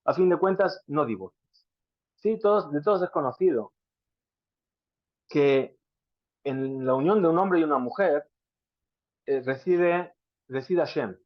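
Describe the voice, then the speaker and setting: Male Talmud teacher, slightly high voice, questioning style, dry muffled recording. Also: expressive, measured pace, pauses often, dry recording. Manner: rhetorical questions, explains Hebrew terms. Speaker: Torah teacher. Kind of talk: Talmud class lecture. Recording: dry, dull lo-fi sound.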